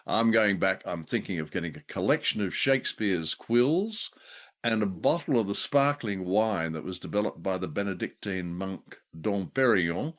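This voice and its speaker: In a casual radio-show chat about old radio drama, a male co-host sounds jokey and wry, rambling and hesitating as he goes. His voice sits low, with lively intonation and a normal speed.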